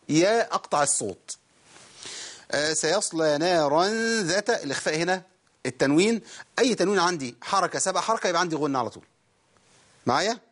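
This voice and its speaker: Quizzing viewers rapidly before slowly stretching out each word, this Egyptian Arabic-accented man gives a Quran recitation lesson in a TV studio. His pitch is fairly high.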